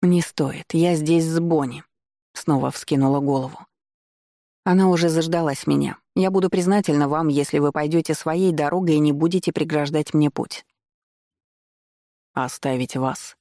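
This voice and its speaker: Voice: medium pitch, fairly even intonation, moderate pace, warm tone, no echo, clean studio sound. Ровное чтение фэнтези от первого лица голосом средней высоты. Звук близкий и сухой. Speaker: чтец.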